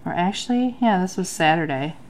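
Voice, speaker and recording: Her pitch is fairly low but her intonation is lively, and she talks briskly in a slightly mellow tone over a faint hiss or hum. This thirty-something bullet journal vlogger, nasal from a sinus infection, flips through her journal in casual chat at her home desk beneath an overhead light, saying um a lot.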